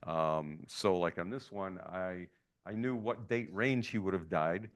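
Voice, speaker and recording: A man's voice: deep voice, a little slow. A middle-aged man giving an informal, rambling library talk full of anecdotes and "uh" fillers. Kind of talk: informal lecture.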